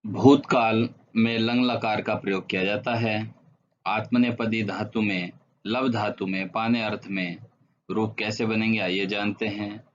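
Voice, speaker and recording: A man teaching a Sanskrit grammar lesson online, reciting verb forms in a slow, measured way. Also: fairly low pitch, fairly even intonation, dull audio, slight background noise.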